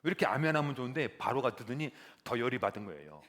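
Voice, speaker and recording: A man preaching a sermon as pastor, animated and building to loud emphatic peaks. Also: mid-range voice, fast talker.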